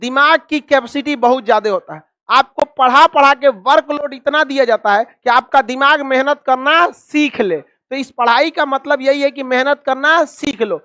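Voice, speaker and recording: Guy teaching map class, super high voice, calls kids donkeys, keeps quizzing them. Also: pushed and bright, no room sound, clean studio sound. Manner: scolding, calls students donkeys; rapid drilling questions, repeats answers.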